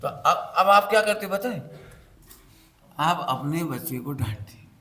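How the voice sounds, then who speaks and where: A man's voice: a little high, measured pace. A middle-aged man giving a sermon to an audience, telling homely stories and acting out the voices in them, often asking the listeners questions. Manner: animated storytelling, acts out quoted voices, asks the audience questions. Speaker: Jain scripture teacher.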